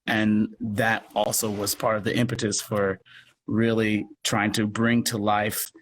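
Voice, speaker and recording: Noisy live video-call audio captures an American interview guest who produces audio dramas and acts in them. He rambles casually and downplays himself, and his fairly low voice comes across flat and unhurried.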